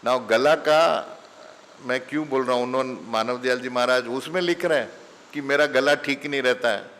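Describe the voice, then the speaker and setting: A middle-aged spiritual teacher gives a satsang as a conversational, anecdote-filled sermon, speaking Hindi slowly and slipping in English phrases. His mid-range voice has a fairly bright tone, with slight background noise and long hall reverb.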